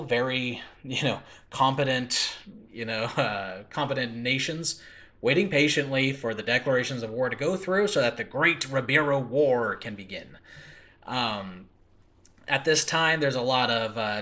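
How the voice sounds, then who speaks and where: A podcast host and audio drama creator gives an informal solo talk about his own fictional world, rambling and often breaking off into asides. His voice is medium-pitched and a bit bright, captured in a makeshift home recording.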